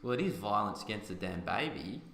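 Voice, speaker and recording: A man's voice: fairly low pitch, expressive, fairly quick, creaky, fairly bright tone. A man hosting a podcast, talking in an emphatic, argumentative way. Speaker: podcast host. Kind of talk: casual opinion chat. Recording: roomy echoey room.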